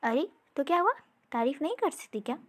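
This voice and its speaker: A woman's voice: high voice, lively intonation, fairly quick. A woman voicing an affectionate queen mother who teases her son fondly. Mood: teasing. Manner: teasing, fond.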